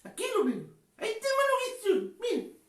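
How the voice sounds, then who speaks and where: A man's voice: very high voice, wildly swooping pitch, fairly quick, heavily acted. A man voicing a cheerful little clown who hosts a children's gospel show, giggling, exclaiming and stammering. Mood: giggly. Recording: echoey and distant from the mic.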